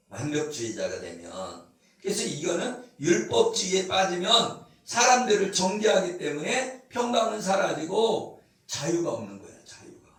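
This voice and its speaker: A man preaching a sermon as pastor, asking the congregation questions and acting out scolding voices. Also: a little high. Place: church sanctuary. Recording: echoey hall, from far off.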